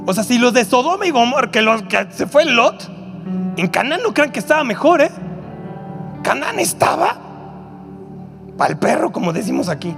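Mexican male preacher, very high voice, animated sermon, quick asides to the crowd, faint music behind. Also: gravelly. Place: church auditorium.

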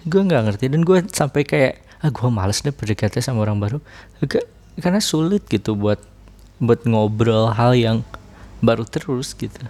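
A man's voice: lowish voice, darkish tone. Young man, casual monologue; rambling, second-guesses himself, laughs often. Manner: rambling, self-questioning, many restarts and laughs.

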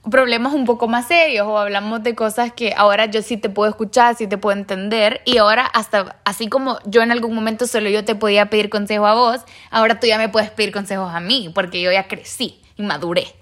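A young woman from El Salvador, hosting a casual chat and telling stories in an animated way. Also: mid-range voice, brisk, few pauses. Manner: animated storyteller, acts out quoted voices. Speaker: podcast host.

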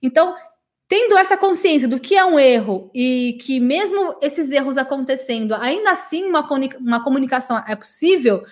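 A woman with a bright, high-pitched voice gives a live English lesson to her viewers. She is from Brazil and talks in a chatty, affectionate way, checking in with her audience and often tagging her sentences with little questions. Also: expressive, a little fast. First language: Portuguese. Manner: chatty and warm with her audience, many "né?" tags. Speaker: English teacher.

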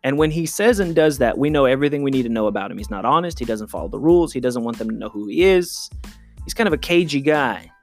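A male high school English teacher giving a relaxed recorded review lecture, acting out quoted lines now and then. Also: quick pace, vocal fry, soft background music. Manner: conversational, acts out quoted lines.

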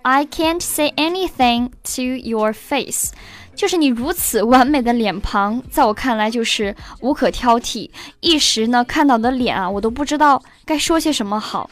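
A woman teaching English pronunciation through song lyrics. She explains clearly and reads the lines slowly to show how they sound. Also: on the high side, expressive.

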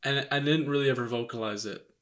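A young man talks casually to the camera about expecting a baby, loose and joking, with plenty of "like" and "you know". His voice sits at an ordinary middle pitch for a man. He is speaking into a microphone. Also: fast. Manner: relaxed and joking, many fillers. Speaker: vlog co-host, expectant father. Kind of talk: casual couple chat to camera.

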